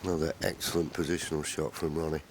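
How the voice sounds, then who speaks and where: A man giving measured, understated live commentary on a snooker match. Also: rumbling low, level tone. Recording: faint live arena noise.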